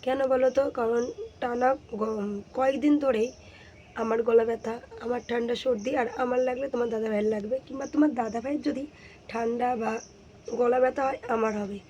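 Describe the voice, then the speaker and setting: A young woman, hoarse from a sore throat, chatting to viewers in a casual home vlog. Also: fairly high pitch, steady tone, a little fast. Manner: chatty, addresses viewers warmly as friends. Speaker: vlogger. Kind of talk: casual daily-life vlog narration. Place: home kitchen and courtyard.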